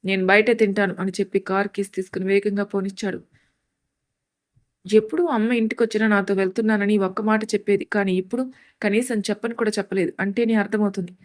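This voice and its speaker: Lady narrating an audio story, steady read-aloud, normal pitch. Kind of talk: scripted narration.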